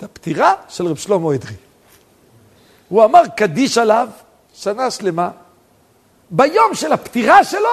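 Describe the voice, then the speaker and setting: Man, rabbi, sermon, lively swooping delivery, gravelly husky voice. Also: high-pitched. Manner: animated storytelling, rising to near-shouts for emphasis. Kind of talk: sermon with stories.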